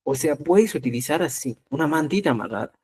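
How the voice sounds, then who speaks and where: Lively man teaching. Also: fairly high pitch, fairly quick, a little hiss or hum. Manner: lively, repeats "¿ya?" to check understanding. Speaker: Quechua teacher. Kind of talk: live online language class.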